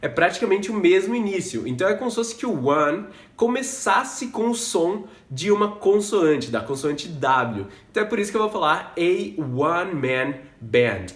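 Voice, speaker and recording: A man with a fairly high voice explains English grammar in a relaxed, chatty way, slowing right down whenever he models an English word. He is a Portuguese speaker teaching learners of English. The recording has a noticeable roomy echo. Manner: explains patiently, slows down to model English words. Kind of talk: casual explanatory lesson.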